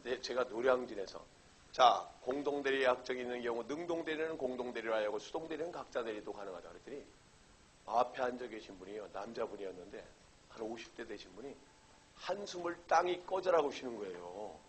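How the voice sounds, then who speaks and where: Middle-aged male law lecturer, mid-pitched voice, asks and answers his own questions, keeps checking understanding, faint hiss behind. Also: lively intonation, fairly quick, low-quality recording. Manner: poses questions and answers them himself, checks understanding often. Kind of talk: exam-prep lecture.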